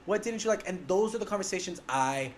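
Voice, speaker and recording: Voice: medium pitch, animated, fast talker, a little hiss or hum. A person in their twenties, co-hosting a casual podcast chat and filling their talk with "like" and "you know". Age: 20s. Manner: chatty, fillers with "like" and "you know". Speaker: podcast co-host.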